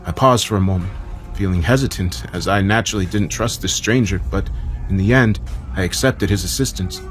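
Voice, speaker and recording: Low-voiced man narrating a horror story. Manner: measured, dramatic first-person storytelling.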